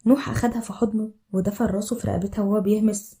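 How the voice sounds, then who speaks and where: Egyptian lady reading a story super fast, dark mellow tone. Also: medium pitch. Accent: Egyptian Arabic. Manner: even, rapid storytelling. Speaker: narrator. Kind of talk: scripted story narration.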